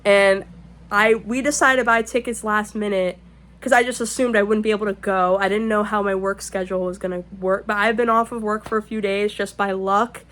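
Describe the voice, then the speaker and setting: A woman vlogging at home in casual chat, rambling and excitable, swearing freely, sometimes dropping to a shaky whisper. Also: medium pitch, fairly quick. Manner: whispering to keep quiet. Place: home, indoors.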